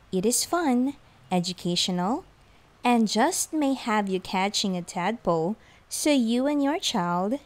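Slow, expressive woman reading a kids' story. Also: medium pitch. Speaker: children's story reader. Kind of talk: reading a picture book aloud.

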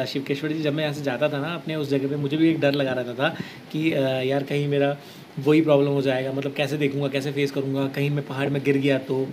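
A man's voice: fairly high pitch, a little hiss or hum. Chatty man hosting a live stream. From Uttarakhand, India. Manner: chatty, reads out viewer comments and answers with reassurance. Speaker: live-stream host answering viewer questions. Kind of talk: casual live-stream chat. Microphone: headset.

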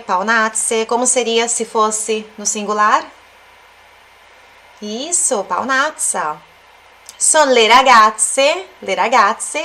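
Lady teaching italian off a song, slow repeats, kinda high voice. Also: fairly bright tone. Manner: explains slowly, repeats words and checks in with tag questions. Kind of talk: language lesson analyzing a song.

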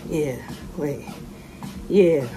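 A middle-aged woman ranting to a phone camera in a casual vlog, animated and sassy, with sudden high exclamations. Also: very slow, noisy background. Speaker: vlogger. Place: room with ceiling lights, indoors. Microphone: phone camera held below face.

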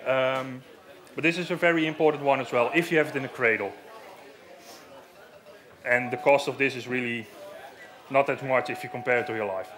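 A Dutch-accented man in his thirties, a safety equipment rep, gives a live stage demo in a large marquee at an outdoor show, speaking into a headset mic. His voice is medium in pitch and fairly bright, at a moderate pace with long pauses, and he explains things plainly with lots of fillers.

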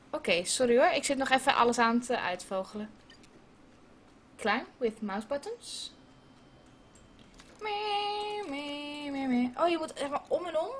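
The gaming video host's voice sits high, with slight background noise. Indoors at her computer with headphones, she swears a lot, talks casually to her viewers and adds English phrases here and there.

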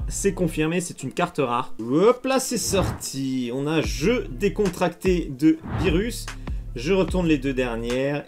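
A chatty, excitable man with a fairly high voice talks straight to his viewers as he opens trading card packs. His commentary is casual, and soft music plays faintly underneath. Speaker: card unboxing youtuber.

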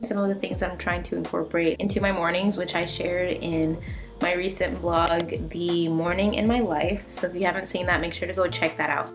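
A woman in her twenties talking casually to the camera in a chatty, explanatory way, like a vlogger, indoors at home. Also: fairly low pitch. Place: indoors in an apartment.

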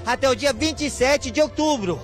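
A man playing a silly, excitable circus clown with a playful Brazilian delivery, speaking on live TV. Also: very high-pitched, moderate pace. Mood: playful, excited. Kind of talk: live TV interview in character. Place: large circus ring indoors. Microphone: reporter's handheld microphone. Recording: music playing behind.

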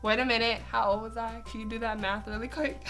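Gushing young woman vlogger, slightly high voice. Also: fast talker, over music. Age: young adult. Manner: gushing, excitable, lots of exclamations. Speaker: art channel host. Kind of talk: casual vlog chat.

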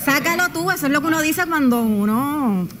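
High-voiced woman co-host. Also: expressive, moderate pace, crowd noise. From Puerto Rico. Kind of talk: casual studio banter. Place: television studio.

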